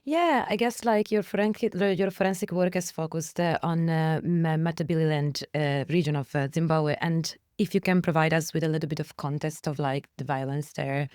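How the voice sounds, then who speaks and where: A woman's voice: sits low, normal speed, few pauses, darkish tone, smooth, no echo, clean studio sound. Hesitant woman co-hosting an interview. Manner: hesitant, many uhs and restarts. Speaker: research fellow, co-host. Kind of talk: conversational interview questions.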